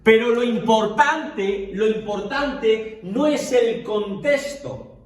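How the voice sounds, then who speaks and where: In an echoey room picked up by a distant mic, a man speaks slowly in a high-pitched voice while teaching a casual Bible class in Spanish. He talks conversationally to the group, keeps asking them questions, and checks in with lots of fillers.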